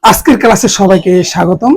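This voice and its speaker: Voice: medium pitch, fairly quick, gravelly, slightly rough, rough recording. A teacher giving a grammar lesson, spelling out each word letter by letter and repeating it for the students.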